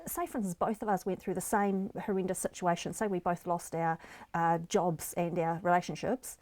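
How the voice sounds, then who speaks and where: A middle-aged woman with a New Zealand accent, a guest in an interview conversation, explains happiness and resilience in an earnest, encouraging way. Her voice is medium in pitch and a little mellow, with no room sound.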